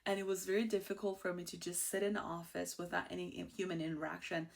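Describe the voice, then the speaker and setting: This host, an outgoing Iranian woman in her thirties with an Iranian accent, runs her own show as a loose, chatty personal monologue. Her voice is a little low for a woman, with little pitch movement, a fast pace, and vocal fry, and she speaks with bubbly warmth, laughing easily between thoughts.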